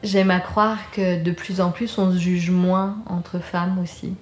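A woman's voice: on the low side, little pitch movement, a little slow, soft background music. A woman from France leading a casual songwriting session in a studio, guiding the steps and reading lyrics aloud. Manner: guiding, self-deprecating, reads lyrics aloud. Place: recording studio.

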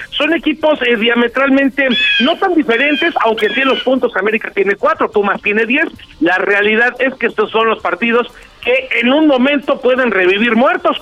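Bright, high-voiced Mexican sports reporter. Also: male voice, muffled recording. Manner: energetic, rapid sports rundown. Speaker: sports commentator. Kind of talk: sports news segment on radio.

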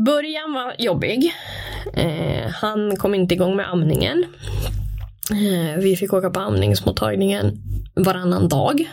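A young woman candidly telling a personal story in casual conversation, with animated delivery and frequent fillers. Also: medium pitch, gravelly. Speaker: interview guest.

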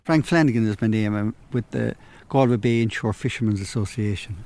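A man's voice: lowish voice, a little fast, darkish tone. A middle-aged man, a fisherman reflecting in conversational answers.

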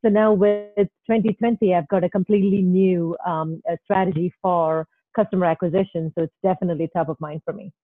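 A woman's voice: on the low side, steady tone, brisk, hardly any pauses, no room sound, faint music behind. A woman from Kerala with an Indian accent, answering interview questions casually, with hesitant pacing and rephrasing as she goes. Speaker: podcast guest, startup founder. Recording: thin phone-like, roomless dry sound.

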